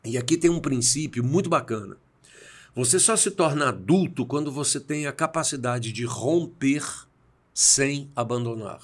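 This podcast guest is a Brazilian man in his sixties speaking at medium pitch and normal speed in an expressive voice. He reflectively tells personal stories in conversation, performing the dialogue he quotes.

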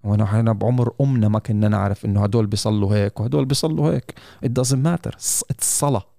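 A man's voice: fairly low pitch, fast talker, creaky, warm tone, no room sound, clean studio sound. A man with a Levantine Arabic accent, interviewing in casual, probing conversation, now and then mixing in English.

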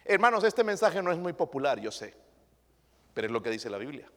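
A man's voice: on the high side, very animated, brisk, a bit bright. Emphatic male pastor preaching in a reverberant hall. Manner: emphatic preaching with rhetorical questions to the congregation. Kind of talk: sermon.

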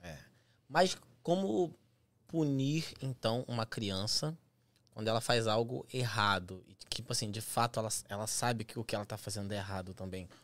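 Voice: medium pitch, normal speed, no echo. A podcast host with a Brazilian Portuguese accent, asking questions hesitantly. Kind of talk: podcast conversation.

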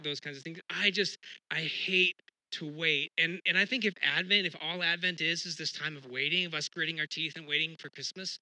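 A middle-aged male pastor preaches in a loose, chatty way, often restarting his sentences and joking at his own expense. His voice is very bright and a little higher than most men's. The sound is dry and close, with almost no room. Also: no echo, poor audio. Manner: conversational, self-deprecating, lots of restarts. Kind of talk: sermon.

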